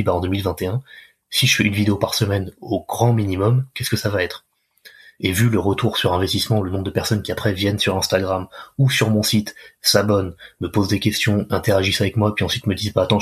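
A man's voice: low-pitched, slightly rough. A man working as a fitness coach, talking casually in an interview, loose and chatty with many restarts.

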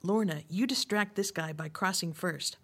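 A woman playing a bossy police officer in a sitcom radio play, giving brisk orders. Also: on the low side, a bit bright, husky. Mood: commanding.

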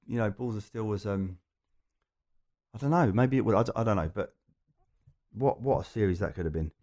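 A man's voice: fairly low pitch, fairly quick, a little mellow. A man with an Essex accent telling anecdotes in a casual chat, in a rambling, jokey way. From Essex, England. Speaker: podcast guest.

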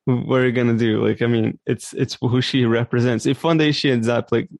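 Gravelly Brazilian-born man chatting tennis. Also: mid-range voice, a little fast, no room sound. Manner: relaxed, hesitant with many fillers. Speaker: podcast co-host. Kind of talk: casual tennis chat.

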